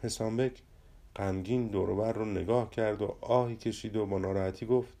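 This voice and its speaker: A man narrating a storybook tale in a calm, measured way. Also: fairly low pitch.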